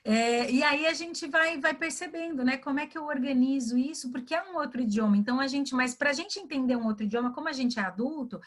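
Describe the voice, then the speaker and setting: A woman's voice: high voice, quick pace, few pauses. A woman from Brazil, a mentor explaining language learning in a webinar over a video call, acting out dialogue and tagging lines with "né?". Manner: lively, acts out dialogue, frequent "né?". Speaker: guest, career and English mentor.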